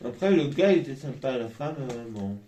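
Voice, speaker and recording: A man's voice: medium pitch, big pitch swings, brisk, dark tone. A man in casual unscripted chat as a tasting co-host, munching crunchy chips between words. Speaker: snack tasting video co-host. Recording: roomy echo, faint background noise.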